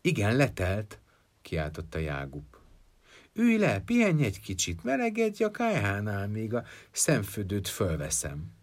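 A man's voice: on the low side, wildly swooping pitch. A man voicing a crafty old peasant with a grey beard, teasing and cheerful, in a folk tale. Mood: sly. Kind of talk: storytelling.

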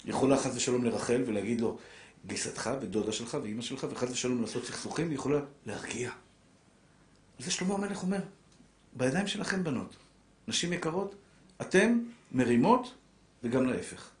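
A middle-aged rabbi delivers a religious lecture on marriage in a lively, preacherly style, shifting between soft, low passages and louder, urgent ones. The room has an echo.

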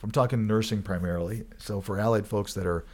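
Talking fast in a lowish, steady, slightly mellow voice, a co-host from Michigan keeps the casual conversation loose with jokes and rambling. He often stops to restart or correct what he's saying.

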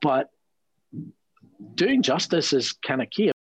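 A man speaking as a lawyer guest in a conversational interview, earnest and animated, often repeating words as he thinks aloud. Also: on the high side, takes it slowly, breathy edge, no room sound, poor audio.

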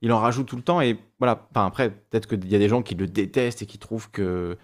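Man with a lowish voice, chatting. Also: fast talker. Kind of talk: casual discussion.

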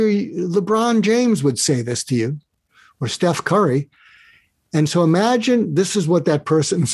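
A man talks as a podcast guest in a fairly high voice, earnestly walking the listener through an exercise. He often repeats words as he restarts his phrases. The sound is dry and close. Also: darkish tone, slightly rough, dry recording. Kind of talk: casual interview talk.

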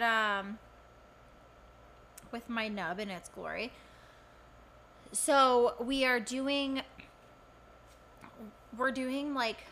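A woman's voice: a little high, sharp tone, slight background noise. A woman co-hosting a podcast in casual, blunt, sweary banter. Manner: blunt, informal. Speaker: podcast co-host.

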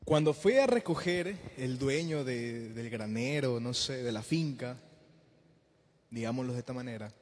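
A man preaching an informal sermon to a youth group, lively and acting out the voices of the people he quotes. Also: medium pitch, unhurried, long reverb tail, a little hiss or hum. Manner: animated, acts out quoted voices.

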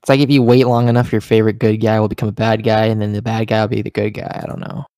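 A man's voice: lowish voice, level tone, quick pace, warm tone, dry recording. Man, podcast host, casual chat, rambling, hedging, lots of fillers, close dry sound.

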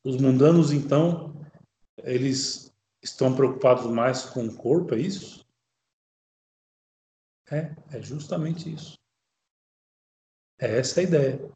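A man's voice: mid-range voice, mellow, a little hiss or hum. Man preaching in an echoey room. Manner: alternates slow solemn reading with quick conversational commentary. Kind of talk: sermon commenting on a read text.

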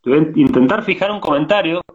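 A man's voice: fairly high pitch, fast, highs cut off. A man with an Argentine accent hosting a casual online interview, chatty and laid-back, full of slang, on a video call. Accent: Argentine Spanish. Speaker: host.

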